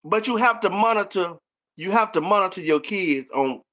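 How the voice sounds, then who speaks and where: A man's voice: sits high, animated, normal speed, pushed and bright. A man hosting a casual chat, telling stories in with a folksy manner and acting out quotes. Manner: storytelling, folksy, acts out quotes. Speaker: host. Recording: dull lo-fi audio.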